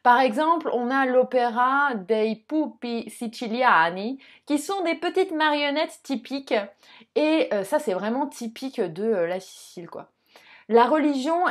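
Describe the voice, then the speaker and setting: A young woman teaching Italian in a relaxed video lesson. Her voice sits a little high, and she chats and jokes as she talks straight to the viewer. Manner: chatty, jokey, addresses viewer directly.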